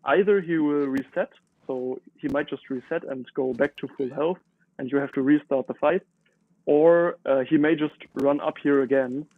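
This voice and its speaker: This gamer, a man whose native language is German and who carries a German accent, talks casually through his own play, full of fillers. His voice sits a little high at a moderate pace, and the audio sounds phone-like with no room sound.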